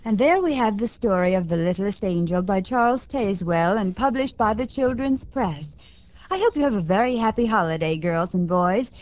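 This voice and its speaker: A woman reading a children's story aloud in a gentle, expressive way as host of a radio program, heard from an old broadcast disc recording. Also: mid-range voice. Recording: dull lo-fi 1950s radio transcription with music.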